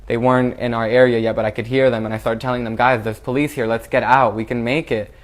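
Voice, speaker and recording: A young man recounting a traumatic event he survived, speaking haltingly with frequent restarts. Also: mid-range voice. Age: young adult. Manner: halting and flat, with repeated restarts. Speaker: shooting survivor. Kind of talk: recounting a personal ordeal.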